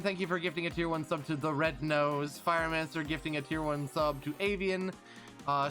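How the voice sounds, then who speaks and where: A man's voice: on the high side, fairly bright tone. A man streaming live, chatting casually and reading out thanks to followers.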